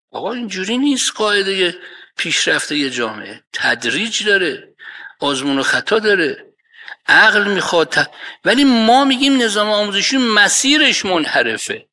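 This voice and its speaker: A man, an expert in Islamic economics, explaining his views in a lively discussion, arguing with everyday examples and quoted Arabic verses. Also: sits high.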